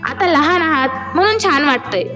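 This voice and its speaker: A woman's voice: high-pitched, animated, moderate pace, over music. A woman playing an earnest young woman who explains something to younger boys in an amateur stage skit.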